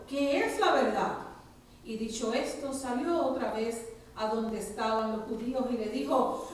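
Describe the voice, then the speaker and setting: Woman reading the bible aloud in church, heavy echo, mic way back from her. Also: high-pitched. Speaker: scripture reader. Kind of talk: reading scripture aloud at a Good Friday service. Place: church sanctuary. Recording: very echoey church hall, mic far off.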